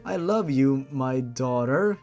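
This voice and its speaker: A man voicing a formal, gentle monster patriarch who speaks fondly and solemnly in a story reading. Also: medium pitch, lively intonation, slow, faint music behind.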